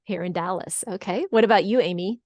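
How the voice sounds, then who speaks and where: Her pitch fairly low and her pace a little fast, a middle-aged woman from California hosts a relaxed online webinar, reading out audience comments, encouraging people, and repeating their answers. Her tone is darkish and the recording dry.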